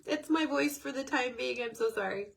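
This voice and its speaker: A middle-aged podcast host with a stuffed-up nose and nasal voice rambles through a casual self-help talk packed with fillers. Her voice sits high and creaky at a moderate pace. She comes across as chatty.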